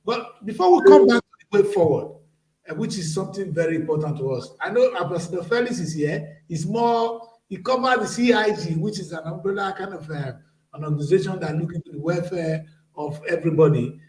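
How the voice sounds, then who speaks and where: A man's voice: high-pitched, animated, brisk, darkish tone. A man hosting an informal panel discussion, recorded in an echoey room at some distance from the microphone. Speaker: panel host. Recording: roomy echo, far from microphone.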